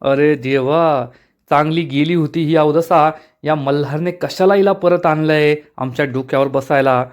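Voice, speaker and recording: एक पुरुष मत्सरी, कुरकुरणाऱ्या स्त्रीचे मनातले विचार वाचतो. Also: male voice, a little high, normal speed, lightly acted. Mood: grumbling. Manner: grumbling, muttering thoughts. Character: jealous sour middle-aged woman.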